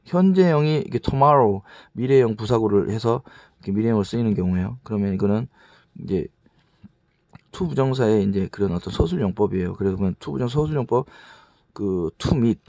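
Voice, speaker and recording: A man teaching English grammar in a casual, halting lecture, often restarting words and reading example sentences slowly with a Korean accent. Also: fairly low pitch, animated, a little mellow, no echo. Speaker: English tutor.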